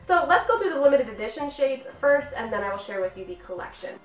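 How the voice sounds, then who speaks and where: A woman's voice: sits high, sing-song, fast. Female host, 30s, upbeat review vlog; echoey room, distant mic. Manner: bubbly and gushing. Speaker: nail polish reviewer. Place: home filming room. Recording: roomy, distant mic, faint music.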